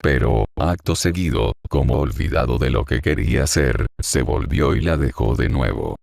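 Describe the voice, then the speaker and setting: Very deep gravelly male narrator. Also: moderate pace, darkish tone, dry recording, clean studio sound. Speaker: audiobook narrator. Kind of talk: scripted narration.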